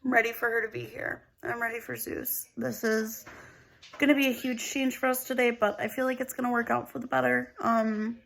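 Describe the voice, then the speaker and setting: A woman vlogger speaks in a loose, chatty way, often filling gaps with "like" and "um". Her voice sits a little higher than most women's. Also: lively intonation, a little fast, creaky, fairly bright tone. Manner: chatty, full of "like" and "um". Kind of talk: casual vlog chat to camera.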